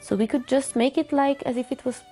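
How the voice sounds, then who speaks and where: A woman's voice: sits high, steady tone, fairly quick, warm tone. A woman in her twenties from Hungary, a volunteer doctor, recounting her fieldwork in an earnest, matter-of-fact way with some hesitations. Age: 20s. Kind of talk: interview testimonial.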